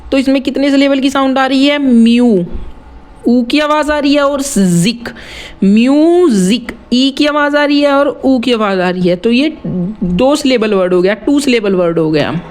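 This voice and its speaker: A man with a notably high voice walks through rhyme basics in a relaxed tutorial tone. He repeats words slowly, breaking them into syllables, and mixes in English terms. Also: smooth. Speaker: rap writing teacher. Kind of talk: casual tutorial explanation.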